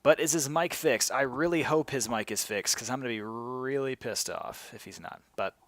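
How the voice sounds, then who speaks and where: A man's voice: medium pitch, normal speed, fairly bright tone, dry recording. A man hosting a live stream in an upbeat, chipper manner, like a game show host. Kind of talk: casual live-stream chat.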